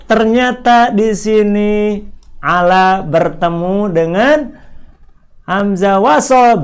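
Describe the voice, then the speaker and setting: A man teaching an online Quran reading lesson, asking questions, repeating points and slowly drawing out example words. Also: high-pitched. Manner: asks questions and answers them himself, repeats points; stretches words out slowly when demonstrating readings.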